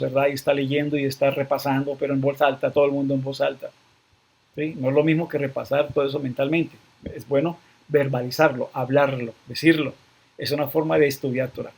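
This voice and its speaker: A man's voice: fairly high pitch, gravelly, slightly rough. A man with a Colombian Spanish accent teaches a sermon on the weekly Torah portion. He speaks earnestly, restates each point, and checks in with his listeners through short tag questions.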